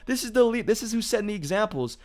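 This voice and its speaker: A man's voice: high voice, animated, fast, a little mellow. A man hosting a gaming commentary video, talking casually with lots of "you know" and "like". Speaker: gaming YouTuber.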